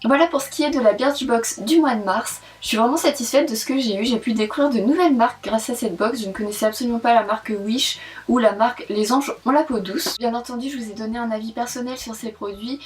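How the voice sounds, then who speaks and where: A young woman with a fairly high voice talks through a monthly beauty box, chatty and frank in her opinions. She sits a little back from the microphone, so the sound has some distance. The tone stays casual and personal throughout. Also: fast talker, few pauses. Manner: chatty and candid, frequent "franchement" and "super". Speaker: beauty vlogger reviewing a subscription box. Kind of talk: casual product review vlog.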